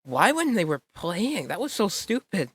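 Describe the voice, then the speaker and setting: A man's voice: sits high, big pitch swings, normal speed, a bit bright, breathy edge, no echo. A young man chatting casually while reacting to an old video, rambling, correcting himself mid-sentence and laughing often. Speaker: channel host.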